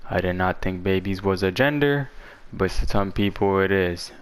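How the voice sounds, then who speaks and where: A man's voice: sits low, moderate pace, smooth. A man talking casually and in slang as he presents a game build guide, his voice a little parched from being sick. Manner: informal, slangy talk.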